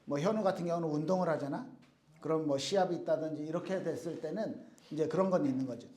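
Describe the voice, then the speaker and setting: This youth pastor talks fast in a mellow voice on the high side, his casual sermon echoing around the church youth room. He tells stories plainly and performs the quoted lines himself.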